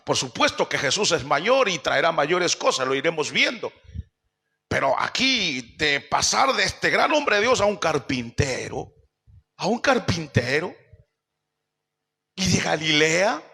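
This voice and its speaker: A man's voice: a little high, big pitch swings, a little slow, gravelly, sharp tone, slightly rough. A man pastor preaching a sermon, firing rhetorical questions at the congregation and acting out quoted speech. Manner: acts out quoted speech in shifting voices. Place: church service.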